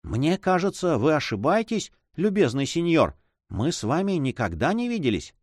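A man's voice: a little high, sing-song, moderate pace, no echo, clean studio sound, voice pushed up. A man voicing a frightened, hesitant Spanish monk who stammers timidly. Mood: fearful.

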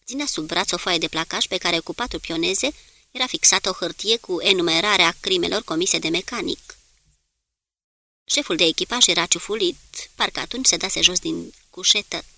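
A woman reads an audiobook in steady, scripted narration. Her voice is bright and forceful with a gravelly grain, recorded dry and close to the mic. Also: fairly low pitch, dry recording.

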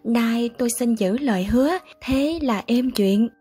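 Woman doing a calm elderly gentleman, measured, wry, husky voice, audiobook reading. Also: on the high side, soft background music.

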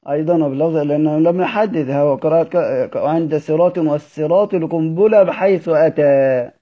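A man's voice: high voice, breathy edge, muffled recording. Egyptian man teaching, repeating and questioning. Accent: Egyptian Arabic. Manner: repeats phrases, asks students questions. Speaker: Quran recitation teacher. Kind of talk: lecture explaining recitation verse.

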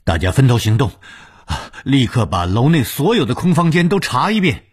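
A man voicing a frantic young woman who shouts commands and cries out desperately as she searches for a missing friend. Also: a bass voice, very animated, normal speed, breathy edge, dry recording, studio quality, pitched above the performer's own voice, full character voice. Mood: urgent commands.

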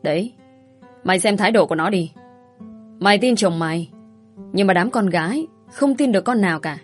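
A woman's voice: mid-range voice, expressive, brisk, faint music behind, lightly acted. A woman voicing a hot-tempered, outspoken female coworker who swears and scolds, in an audio story. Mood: indignant.

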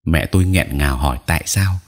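A man reading a first-person audiobook story in a steady, somber storytelling manner. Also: deep voice, normal speed, husky. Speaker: audiobook narrator.

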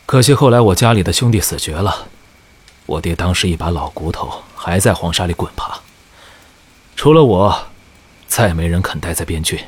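An actor playing a tired, frank border general in an audio drama, speaking low and plainly. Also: male voice, expressive, normal speed, breathy edge. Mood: weary.

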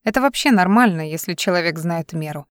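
A woman narrating a novel as an audiobook in an even, measured way. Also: on the low side, no room sound, studio quality. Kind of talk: scripted narration.

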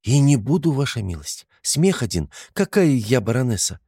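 A man voicing a tiny, stubborn, sharp-tongued peasant woman in an audiobook. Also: mid-range voice, sing-song, moderate pace, slightly rough, no room sound, studio quality, voice pushed up. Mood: indignant. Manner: stubborn, scolding. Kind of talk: audiobook character voice.

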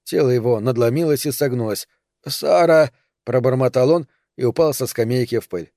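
A man narrating an audiobook in a steady, measured manner. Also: mid-range voice, dry recording, studio quality. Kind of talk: scripted narration.

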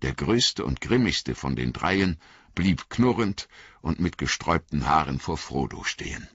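Deep-voiced, expressive male narrator. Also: a little slow, breathy edge, no echo, highs cut off. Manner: expressive storytelling. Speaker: audiobook narrator. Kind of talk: scripted narration.

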